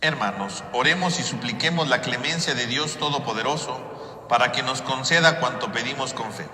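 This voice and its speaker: Priest, bright voice, cathedral echo. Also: male voice, medium pitch, moderate pace. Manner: preaching with frequent "¿verdad?" tags. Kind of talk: homily and prayers at Mass. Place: large church. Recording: echoey church with long reverb.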